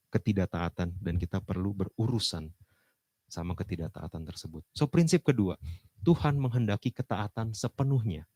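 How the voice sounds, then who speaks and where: Low-voiced pastor. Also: male voice, dry recording. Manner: casual slang mixed with English phrases; lively, with sudden loud emphasis. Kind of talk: sermon.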